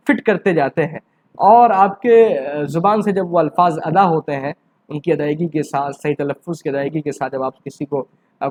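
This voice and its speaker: A man teaching an exam-prep grammar lesson. He asks rhetorical questions and answers them himself, rising to emphatic questions and then dropping low. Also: darkish tone, a little hiss or hum. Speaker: Urdu teacher.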